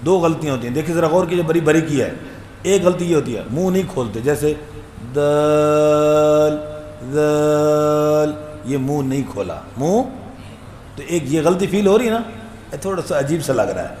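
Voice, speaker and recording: Man teaching Quran recitation, drawn-out sung letters, echoey room. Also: a little high, lively intonation, darkish tone. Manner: tells anecdotes with humor. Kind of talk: explaining and demonstrating letter sounds. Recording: echoey room with faint background hum.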